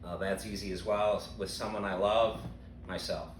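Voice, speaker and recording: Older male teacher, deep voice, bone-dry sarcasm, echoey far-off recording with noise. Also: normal speed. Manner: dry deadpan humor. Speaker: retiring teacher. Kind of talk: deadpan sarcastic interview answers. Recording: roomy sound, mic at a distance, background noise.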